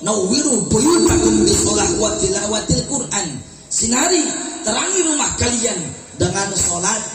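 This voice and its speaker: A man's voice: sits high, unhurried. A man preaching a comic Islamic sermon at a house gathering, teasing the crowd. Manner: joking, teasing the crowd, lively. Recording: echoey room, distant mic, music.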